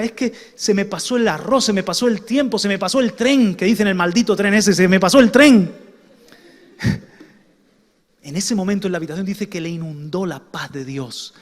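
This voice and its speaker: Male pastor, preaching in a reverberant church hall, loud-to-soft delivery. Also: high voice. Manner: preaching with lively shifts between loud and soft. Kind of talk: sermon.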